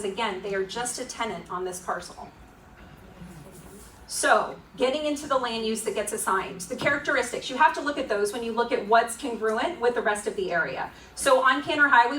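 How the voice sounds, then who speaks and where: A woman's voice: a little high, pushed and bright. A woman with a Florida accent giving an informal, explanatory presentation at a community meeting, with a conversational, wryly critical manner. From Florida, United States. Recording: echoey room, distant mic, faint noise.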